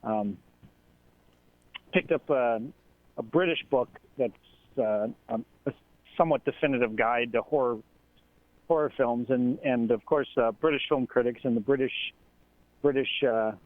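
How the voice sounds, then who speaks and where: A man calls in to a radio chat over a tinny, phone-thin line, and the connection makes his voice warble and echo as though he were speaking from inside a fishbowl. He talks in a halting way, stopping often to search for words. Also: medium pitch. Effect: warbling, echoey phone line, like talking inside a fishbowl. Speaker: call-in guest.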